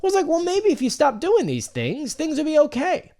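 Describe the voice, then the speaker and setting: Animated man giving casual news commentary. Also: extremely high pitch, brisk, gravelly. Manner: rambling, emphatic, argues directly with the subject.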